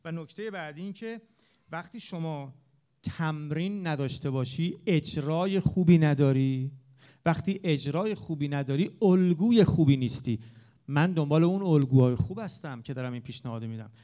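A man gives a heated talk to a gathered audience. His voice sits fairly high yet sounds warm and mellow. He jumps between loud, pressing rises and soft, low asides. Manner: animated, with sharp rises and drops in loudness. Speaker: speaker on religious eulogy singing. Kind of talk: impassioned lecture to an audience.

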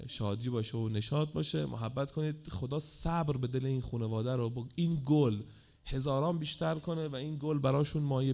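A man leads a ceremony from the front, speaking with feeling and calling on the crowd to respond. His voice sits at a middle pitch. The recording is muffled and lo-fi. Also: vocal fry. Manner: emotive, exhorting, calls for chants. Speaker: event host. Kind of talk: ceremony hosting speech to a crowd.

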